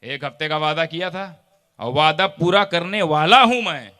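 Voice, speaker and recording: A man as a proud, brisk cobbler. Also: on the high side, bright, forceful tone. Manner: boastful, brisk. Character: proud, brisk cobbler who keeps his word.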